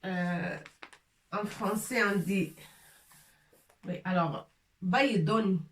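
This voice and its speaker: Woman teaching a lesson real slow, says each word over and over, a bit far from the mic. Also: medium pitch, reverberant. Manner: repeats words slowly, asks the viewers questions. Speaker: Arabic teacher. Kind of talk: slow, patient language lesson.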